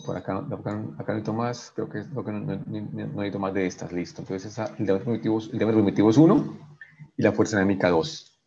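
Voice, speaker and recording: Male engineering lecturer, husky voice, stop-and-start explaining, muffled lo-fi recording. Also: on the low side, mellow. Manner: repeats "¿cierto?" after each step, stumbles and restarts. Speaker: engineering professor. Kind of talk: online lecture working through equations.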